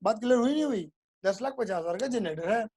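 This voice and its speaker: Male tutor with a high-pitched voice, playful classroom storyteller, checks understanding constantly. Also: expressive, fast, darkish tone. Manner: playful, keeps asking if it is clear, makes sound effects. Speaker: teacher.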